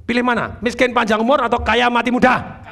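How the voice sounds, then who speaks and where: A man giving an energetic motivational seminar talk, drawing call-and-response from the audience and addressing them formally again and again. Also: very high voice, fairly quick, creaky, crowd noise. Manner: acts out tones of voice to make points. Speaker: motivational speaker.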